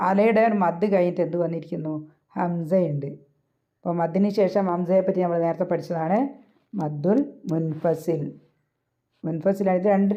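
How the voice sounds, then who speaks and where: A woman's voice: fairly low pitch, dark tone, muffled recording. A woman from Kerala teaching Quran recitation, explaining each rule step by step and asking her listeners questions. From Kerala, India. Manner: chants verses slowly and drawn out.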